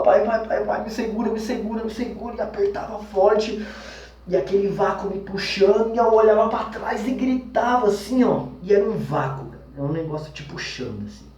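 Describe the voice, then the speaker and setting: A man's voice: high-pitched, slight background noise. Brazilian man recounting a scare in a roomy space. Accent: Brazilian Portuguese. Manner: intense, shifts between fast agitated bursts and slow hushed trailing, many fillers. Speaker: vlogger telling a personal experience. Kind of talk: personal storytelling. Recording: roomy, mic at a distance.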